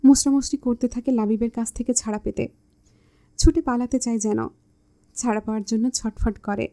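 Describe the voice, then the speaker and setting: A woman narrating a romantic story with a calm, even reading. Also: on the high side, normal speed.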